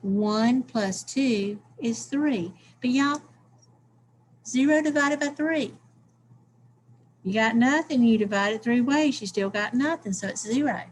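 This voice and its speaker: Woman math teacher; deliberate pace, talks each step through, keeps asking "okay?". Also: a little high, a little hiss or hum. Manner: talks through steps aloud, checks in with "okay?". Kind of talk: recorded math lesson.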